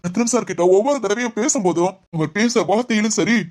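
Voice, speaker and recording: Cartoon drama: woman playing a wounded father, earnest and rapid. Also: mid-range voice, a little mellow, lightly acted. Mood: aggrieved. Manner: earnest, pleading. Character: middle-aged father of the bride, hurt and firm. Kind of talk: animated family drama voice acting.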